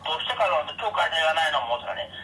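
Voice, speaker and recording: This man speaks in a broad Hiroshima dialect, blunt and meandering, with plenty of pauses and fillers. His voice is bright and quick, with a lively, swinging pitch. He sits some way off the mic, and faint noise hangs in the background. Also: far from the mic, poor audio. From Kure, Hiroshima. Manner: rambling, blunt, hesitant with many fillers. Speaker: interviewee. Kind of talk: recorded casual conversation.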